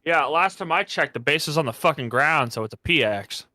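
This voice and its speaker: A man's voice: on the high side, lively intonation, fairly quick, bright, forceful tone, dry recording. A man co-hosting a podcast in casual chat, teasing and blunt, swearing freely. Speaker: podcast co-host.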